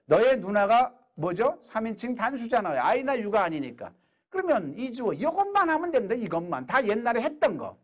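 A middle-aged man giving an energetic English lecture in a hall, drilling questions and answers with his audience. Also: high-pitched.

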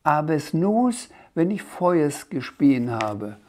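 A man voicing a small blue dragon who cannot pronounce R and talks slowly and puzzledly. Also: fairly high pitch, gravelly, a little mellow, pitched above the performer's own voice. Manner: slow, puzzled, swaps R for S.

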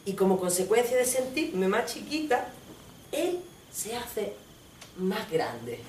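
A woman's voice: medium pitch, slow, recorded from a distance, a little hiss or hum. Spanish-accented woman for a blunt, profane stage monologue, voicing several people, picked up from afar in a roomy theater. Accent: Spain Spanish. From Spain. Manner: animated, switches between voices of people in her story, blunt and profane. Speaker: stage performer.

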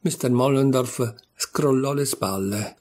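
A man narrating a literary short story in a measured, calm storytelling manner. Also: medium pitch. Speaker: narrator and reader.

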